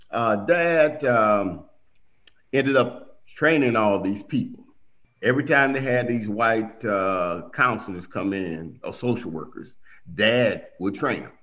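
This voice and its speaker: A low-voiced man from Milwaukee tells family stories as a guest in a casual storytelling conversation. He's animated at a measured pace, acting out quotes with big pitch jumps, and the sound is lo-fi.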